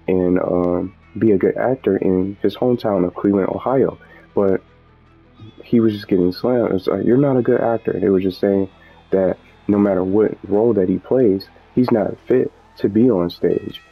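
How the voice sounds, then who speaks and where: A low-pitched man with a creaky, husky voice hosts a gaming video. His unscripted, casual talk rambles and he keeps repeating and correcting himself, heard through muffled audio with background music.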